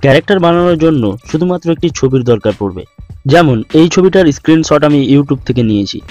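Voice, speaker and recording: A man with a slightly high, darkish voice talks fast with lively intonation, walking through a step-by-step screen tutorial as the host. The voice-over sounds a little dull and lo-fi, with background music playing behind him.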